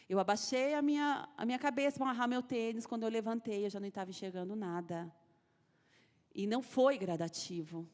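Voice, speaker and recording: A woman's voice: mid-range voice, a little mellow. A Brazilian woman giving an earnest, emotional personal testimony at a women's church service, repeating phrases as she tells her story. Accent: Brazilian Portuguese. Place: church sanctuary. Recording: echoey church hall.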